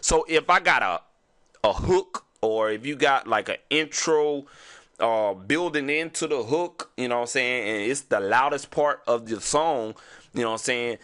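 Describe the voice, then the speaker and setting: A man's voice: mid-range voice, expressive, a little slow, fairly bright tone. Stuffy Houston man teaching beatmaking. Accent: Southern US, Houston. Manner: loose, repeats "you know what I'm saying". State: stuffy from sinuses. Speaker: music production tutor. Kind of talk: casual screen-recording tutorial.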